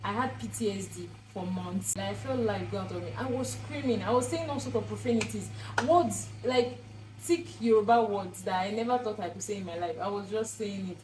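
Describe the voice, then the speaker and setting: Young woman vlogger, casual and dramatic to camera, mid pitch, echoey room. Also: fairly quick. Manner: expressive, dramatic storytelling with exclamations. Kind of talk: casual vlog talk to camera.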